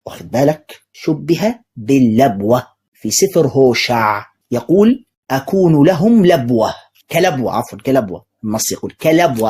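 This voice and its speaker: Fast, lively, husky-voiced male debater. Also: a little high. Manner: mocking, rhetorical questions, quotes scripture. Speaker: religious debater responding to clips. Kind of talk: animated polemical commentary.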